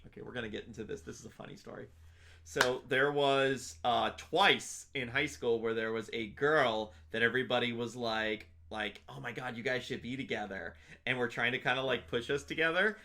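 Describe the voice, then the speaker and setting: A man's voice: mid-range voice, moderate pace, bright, forceful tone. A young man chatting as an interview guest, rambling with lots of fillers and restarts. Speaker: interview guest, convention panelist. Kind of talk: casual interview chat.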